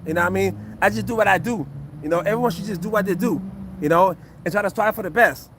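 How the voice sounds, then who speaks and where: A retired fighter and acupuncture physician in his fifties casually breaks down a fight for a live chat, addressing viewers earnestly and repeating himself. His voice is high and quick. There's noise in the background.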